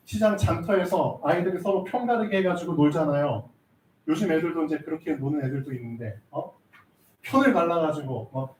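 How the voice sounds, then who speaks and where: A man's voice: sits high, a little mellow, reverberant, distant mic, slight background noise, low-quality recording. A male pastor preaching a sermon, often asking his listeners rhetorical questions and stopping for their agreement.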